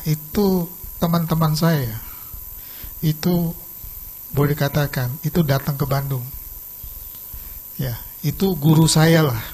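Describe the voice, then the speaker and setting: Husky-voiced man preaching a sermon. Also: on the high side, poor audio. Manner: lively storytelling, acts out quoted dialogue; sudden shifts between soft and loud. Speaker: pastor. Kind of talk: sermon with personal testimony.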